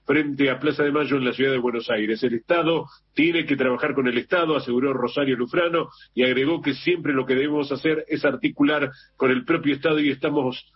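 A man's voice: medium pitch, a little fast, few pauses. An Argentine man presents the early morning news in a radio studio, loose and chatty, circling back to repeat himself. The broadcast sound is a little muffled, with a faint hiss underneath. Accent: Argentine Spanish. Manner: relaxed, repeats and corrects himself, chatty asides.

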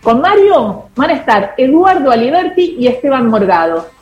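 A woman's voice: high-pitched, moderate pace, dull audio, faint music behind. A woman with an Argentine accent, hosting a radio show in casual on-air chat and running through the lineup of the day. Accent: Argentine Spanish. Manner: lively, announcing a program lineup. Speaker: radio host. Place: radio studio. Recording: roomy studio echo.

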